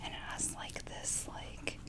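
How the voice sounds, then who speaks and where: Whispering woman doing casual ASMR. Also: unhurried. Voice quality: whispering, unvoiced. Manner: casual, chatty. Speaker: ASMR video host.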